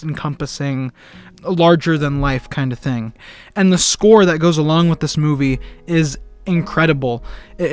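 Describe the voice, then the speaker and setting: Over faint background music, an earnest young man with a clean, slightly high voice reviews a film. He rambles casually and enthusiastically, stumbling over words and restarting sentences.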